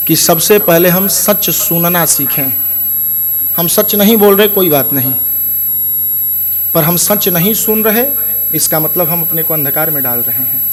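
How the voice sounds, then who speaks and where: A man giving a devotional Hindi sermon. He chants Sanskrit verses slowly and then explains them in plain talk, calling his listeners brothers. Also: sits high. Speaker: Bhagwat Katha preacher. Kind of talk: devotional sermon with scripture recitation.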